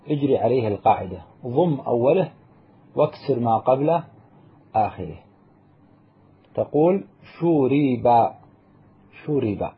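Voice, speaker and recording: A man's voice: mid-range voice, husky. A man teaching a grammar lesson, explaining each rule step by step and answering his own questions. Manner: spells out example words slowly. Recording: muffled lo-fi recording.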